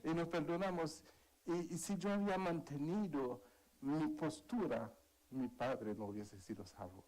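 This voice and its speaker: A man's voice: medium pitch, warm tone, low-quality recording. Male preacher, earnest, sermon with a personal story. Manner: earnest, calls for amens, tells a story.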